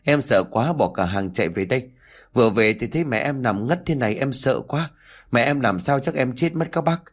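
A man voicing a resentful young daughter-in-law who scolds in quick, shrill bursts. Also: expressive, lightly acted. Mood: panicked.

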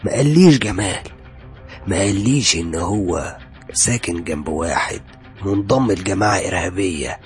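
An actor playing a menacing police interrogator who taunts and threatens a suspect in an audio drama. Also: male voice, low-pitched, normal speed, soft background music, lightly acted. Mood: taunting. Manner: taunting, sarcastic, sudden shouts. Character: menacing male police interrogator, mocking and cold. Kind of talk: audio horror drama acting.

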